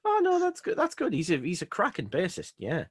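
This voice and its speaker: A man's voice: high voice, wildly swooping pitch, fairly quick, husky, no echo. A man co-hosting a podcast, chatting casually, laughing and swearing as he talks. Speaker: podcast co-host.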